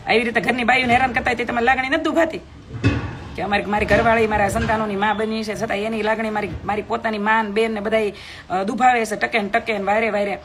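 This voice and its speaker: A woman's voice: on the high side, fairly even intonation, fast. A young woman, streaming live from her home, talking outspokenly and emphatically to viewers and reading their comments aloud. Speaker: live video host.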